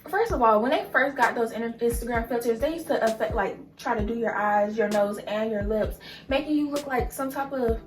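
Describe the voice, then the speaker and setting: Animated higher-voiced young woman chatting. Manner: animated, quick to agree and laugh. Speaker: co-host. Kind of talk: casual chat. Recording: echoey room with music behind.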